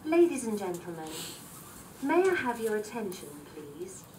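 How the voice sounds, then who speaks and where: A woman giving a formal, measured fire alarm announcement over a building's PA loudspeaker. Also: mid-range voice, sing-song, a little hiss or hum. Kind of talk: formal public address announcement. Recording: distant PA speaker heard from across a hearing room.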